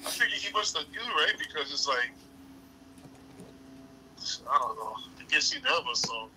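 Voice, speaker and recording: A man's voice: medium pitch, expressive, moderate pace, sharp tone, slight background noise, poor audio. A man hosting a casual livestream chat, telling stories and laughing often. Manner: storytelling, laughs often, says bro, Hawaiian pidgin touches. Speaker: livestream host.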